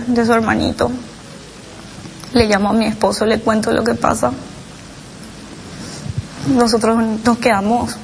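A mother recounting her child's experience in halting, emotional personal testimony, with many restarts and tag questions. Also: fairly high pitch, vocal fry, slight background noise, low-quality recording.

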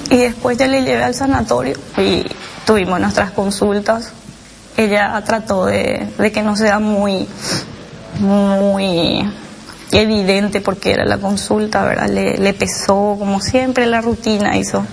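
A mother recounting her child's experience in halting, emotional personal testimony, with many restarts and tag questions. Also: medium pitch, little pitch movement, vocal fry, slight background noise, low-quality recording.

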